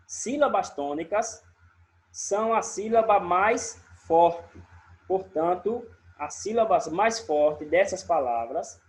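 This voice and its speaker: Slow, high-voiced Brazilian teacher. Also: male voice. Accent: Sergipe Brazilian. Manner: explains step by step, keeps checking with "certo?". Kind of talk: recorded remote lesson.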